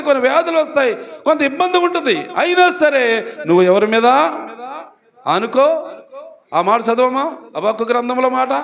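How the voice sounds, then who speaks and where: A male pastor preaches to his congregation in a prayer hall with a strikingly high-pitched voice. He hammers his points home through repetition and keeps firing rhetorical questions at the listeners. His delivery is emphatic throughout. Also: fairly bright tone. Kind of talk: sermon.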